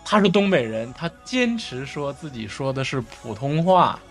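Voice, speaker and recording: A man with a Northeastern Chinese accent chatting casually as a podcast co-host, explaining in a halting way and often repeating his phrases. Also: medium pitch, big pitch swings, faint music behind.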